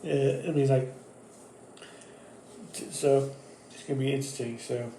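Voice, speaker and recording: A man's voice: medium pitch, steady tone, unhurried, mellow, a little hiss or hum. Rambling man in an echoey room. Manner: rambling, with many fillers and restarts. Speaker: wrestling channel host. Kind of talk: casual wrestling predictions monologue.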